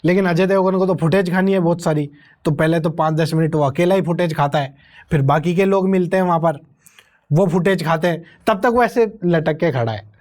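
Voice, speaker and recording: A man's voice: fairly high pitch, fairly quick, darkish tone. A young man giving a sarcastic, rambling comedic review of a film, incredulous at the plot. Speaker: movie reviewer. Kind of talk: comedic movie review rant.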